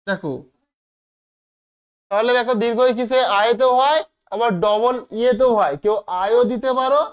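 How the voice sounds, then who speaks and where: A woman teacher giving a classroom lesson to children, spelling out words slowly letter by letter and checking that everyone understands. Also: a little high. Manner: slow, step-by-step spelling out of letters. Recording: dull lo-fi recording.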